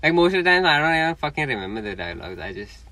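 A man's voice: a little high, big pitch swings, very fast, bright, forceful tone, no room sound, recorded from a distance. A young man co-hosting a podcast, teasing and swearing freely in casual banter. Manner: profane, teasing. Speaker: podcast co-host.

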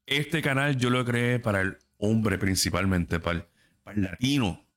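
A man's voice: fairly low pitch, moderate pace, a bit bright. A man, hosting a casual podcast chat in a blunt, profane, emphatic way. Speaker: podcast host.

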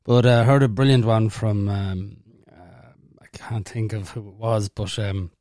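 A man's voice: fairly low pitch, fairly even intonation, measured pace, warm tone, no room sound, clean studio sound. A man hosting a podcast, asking questions in a casual interview and often repeating his words as he goes. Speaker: podcast host.

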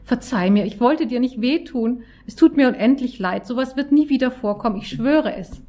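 A woman's voice: on the high side, normal speed, dark tone, voice pushed up, natural voice. A woman voicing a wounded middle-aged husband who hisses and pleads. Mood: pleading. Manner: hissing, pleading.

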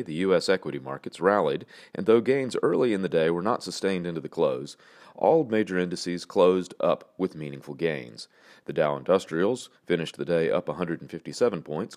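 A man hosting a morning brief, reading scripted market news in a measured, formal newsreader delivery. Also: low voice, a little mellow.

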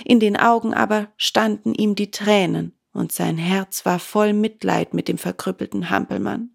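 A woman reading a children's book aloud in a calm, measured way. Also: mid-range voice, vocal fry, husky. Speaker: audiobook reader.

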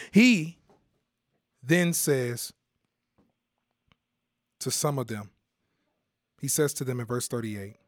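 A man preaching a sermon, emphatic and repetitive, swinging between hushed lines and loud, driving ones. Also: mid-range voice, expressive, very slow, long pauses, no room sound, studio quality.

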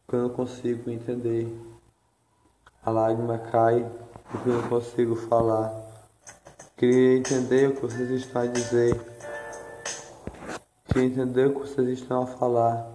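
A man from Ceará, Brazil, reciting a spoken-word poem in a slow, even, repetitive way. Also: mid-range voice. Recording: echoey room with faint music.

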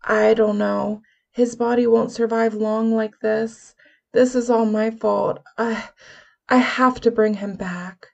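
Woman voicing a quiet, measured spirit medium. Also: fairly high pitch, steady tone, gravelly, muffled recording, voice pushed up. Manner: quiet, measured, sometimes whispering. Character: calm young woman who opens doors for spirits.

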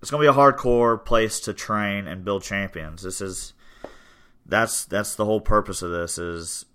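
On his podcast, a gym owner in his 20s talks about his gym in a relaxed, rambling way full of fillers. He has a fairly low-pitched voice at a moderate pace, and the recording has a little hiss or hum.

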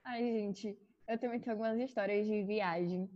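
A woman's voice: mid-range voice, steady tone, moderate pace, dark tone, muffled recording. A woman co-hosting a podcast, chatting casually and teasing her friends. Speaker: podcast co-host. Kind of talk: casual chat.

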